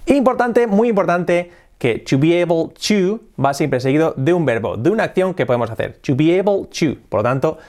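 Lively man teaching English. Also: fairly high pitch. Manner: explanatory, repeats examples slowly, lively intonation. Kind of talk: casual video lesson.

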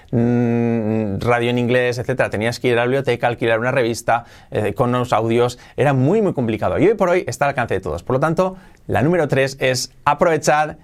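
A man teaching a video lesson on learning English, lively and emphatic, repeating words for stress. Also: mid-range voice. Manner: energetic, repeats words for emphasis, models English phrases slowly.

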